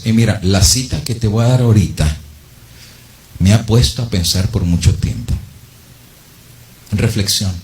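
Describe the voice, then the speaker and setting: Dramatic male preacher asking rhetorical questions. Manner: rhetorical questions, wide dramatic swings of pitch. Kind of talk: sermon.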